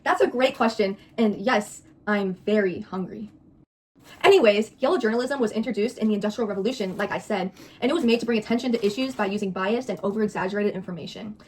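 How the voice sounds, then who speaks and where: A woman's voice: medium pitch, fast talker, darkish tone, husky. A young woman co-hosting a video, moving between scripted explaining and playful, theatrical teasing. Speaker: co-host of a mukbang video.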